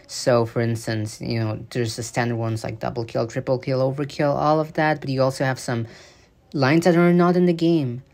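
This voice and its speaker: In a mid-range, slightly mellow voice with fairly even intonation, a man speaks at normal speed while gameplay footage plays. He's a gaming news creator giving loose, casual commentary on update features, riddled with fillers and restarts.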